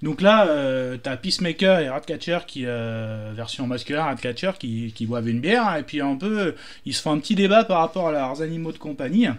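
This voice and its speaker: A man's voice: a little high, lively intonation, fairly quick, few pauses. A man telling jokes casually, hesitant, with many fillers and restarts. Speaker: joke teller.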